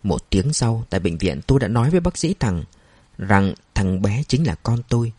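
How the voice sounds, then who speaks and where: A man reads a first-person story at a steady, measured pace. His voice is dark and husky, and it sounds close and dry with no room around it. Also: on the low side, no room sound. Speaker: narrator.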